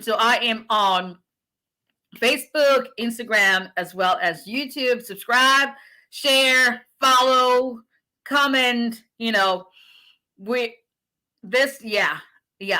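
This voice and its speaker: On a casual livestream, a Nigerian woman who works as an immigration attorney chats with her audience, greeting viewers by name. Her voice is bright and a little high, and her chatty manner turns encouraging and preacher-like.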